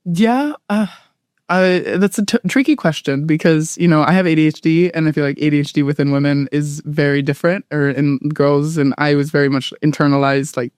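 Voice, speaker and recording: A chatty guest from Southern California, late 20s with an American accent, laughs easily and says "like" and "um" often in a casual interview. The mid-range voice is steady, a little fast, and a little mellow, recorded with a clean tone, no echo, and clean studio sound.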